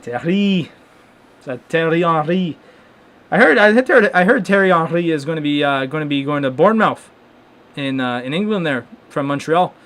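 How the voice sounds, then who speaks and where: A young man hosting a live hockey watchalong, reacting casually and excitedly with lots of restarts and stunned exclamations. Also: fairly high pitch, moderate pace. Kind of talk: casual live game commentary.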